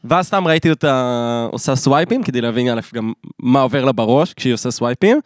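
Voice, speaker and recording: A man's voice: medium pitch, dry recording, studio quality. A man co-hosting a podcast, chatting casually and telling stories with lots of acted-out dialogue. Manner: animated storyteller, acts out dialogue. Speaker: podcast co-host. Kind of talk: casual chat.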